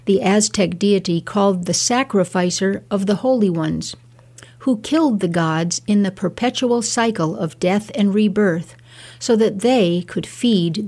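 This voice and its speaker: A woman's voice: medium pitch, a little mellow. Woman narrating a scripted nature essay, documentary manner. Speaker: presenter of a spoken reflection series.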